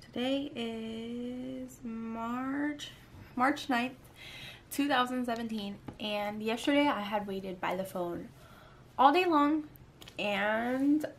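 Talking to the camera from home, a tired woman in her twenties who stays home with her kids rambles on, sighing often between thoughts. She speaks slowly at a fairly high pitch, with a little hiss or hum on the recording.

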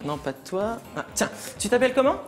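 A man's voice: high voice, sing-song, fast, over loud music. A man performing as a stage magician, joking and teasing his volunteers with playful patter in a TV studio. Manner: teasing, playful, laughs often.

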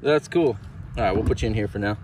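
A man's voice: lowish voice, fast talker, a little mellow. A man, chatting and joking casually while filming himself from a kayak on a lake. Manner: laid-back, joking, upbeat banter. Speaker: vlogger filming a family kayak outing. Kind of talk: casual outdoor vlog chat. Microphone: camera at arm's length. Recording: outdoor wind and water noise.

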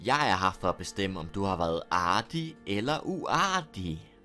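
A man voicing a menacing fake Santa, a male axe killer who taunts his victim with slow, drawn-out calls. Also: low voice, big pitch swings, pushed and bright, faint music behind, full character voice. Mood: gloating.

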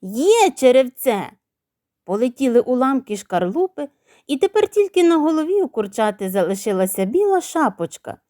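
A woman storyteller reading a bedtime fairy tale in a clear, expressive way. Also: sits high, brisk, dry recording, studio quality.

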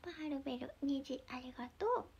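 Young woman with a Mie accent, high bright voice, giggly casual livestream host, slips into whispers. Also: expressive, fairly quick, dull audio. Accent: Mie dialect. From Mie Prefecture, Japan. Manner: chatty, giggly, drifts into soft whispers. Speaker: idol livestreamer.

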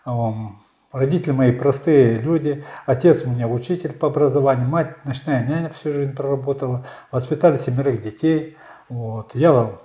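A man in his sixties, a candidate answering interview questions in a measured storytelling way, often pausing with fillers. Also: medium pitch, mellow, echoey room. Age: 60s. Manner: measured, storytelling, frequent hesitations. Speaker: election candidate. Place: small bright studio.

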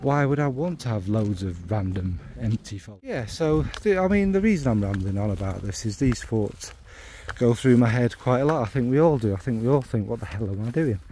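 A fragrance video maker talks casually about his hobby while walking his dog outdoors in the rain, rambling in a wry, self-questioning way as he thinks out loud. His voice is medium-pitched with lively intonation, a little fast, over slight background noise.

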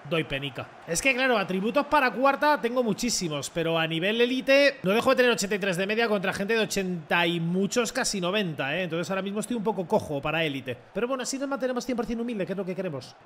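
A young man with a Spain Spanish accent, commenting his own football video game in an excitable, mocking way and swearing often. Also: high voice, quick pace, slight background noise. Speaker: gaming content creator. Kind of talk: casual gameplay commentary.

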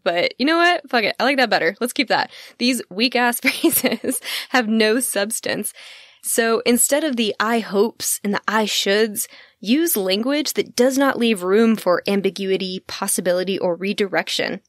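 A woman's voice: mid-range voice, moderate pace, dry recording. Woman podcast host, frank and swearing, dry close sound, mid-range voice. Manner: candid and blunt, swears casually; laughs easily mid-sentence. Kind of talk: casual self-help podcast talk.

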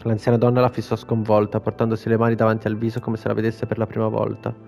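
A man with an Italian accent reading a video game's story aloud in a steady, unhurried way, with brief casual asides. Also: fairly low pitch, creaky, faint music behind. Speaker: gamer reading game text.

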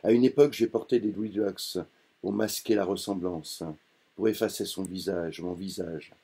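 Male reader, dark mellow tone, first-person novel narration, measured delivery. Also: low voice, fairly even intonation, creaky, breathy edge. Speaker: audiobook reader. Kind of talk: literary audiobook narration.

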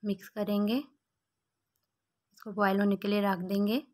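A woman hosting a cooking channel, giving calm step-by-step recipe instructions as a voice-over. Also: medium pitch, moderate pace. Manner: calm, even instructions in short steps.

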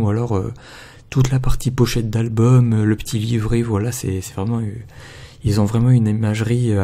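Hesitant man with a gravelly low voice. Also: warm tone. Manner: hesitant, with frequent filler pauses. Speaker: video blogger reviewing albums. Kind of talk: casual spoken review.

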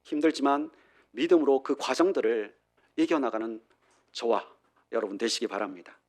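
A male pastor delivering an emphatic sermon, swinging between loud declarations and hushed endings. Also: medium pitch, normal speed. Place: church.

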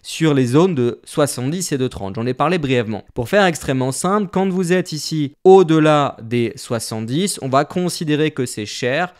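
A man's voice: on the high side, normal speed, hardly any pauses, a little mellow. Man teaching trading on screen. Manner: explains step by step, plain and direct. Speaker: trading instructor. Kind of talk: screen-share tutorial.

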